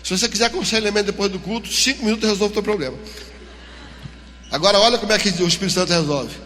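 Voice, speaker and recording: Animated high-voiced Brazilian pastor preaching. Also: male voice, very fast. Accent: Brazilian Portuguese. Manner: animated storytelling, acting out dialogue. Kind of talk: sermon. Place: church. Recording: long church hall reverb.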